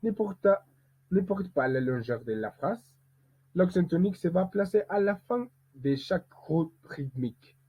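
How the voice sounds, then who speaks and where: A man who is a musician, teaching pronunciation and speaking as a learned language, who demonstrates rhythm slowly and deliberately. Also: high voice, lively intonation, warm tone, breathy edge. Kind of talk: explanatory lesson. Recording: tinny, phone-like sound.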